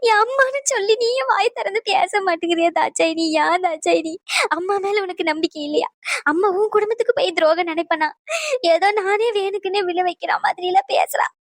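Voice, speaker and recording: A woman's voice: very high-pitched, racing, dry recording, studio quality. A woman voicing a devoted middle-aged daughter in a cartoon, pleading and reproachful. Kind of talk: cartoon voice acting.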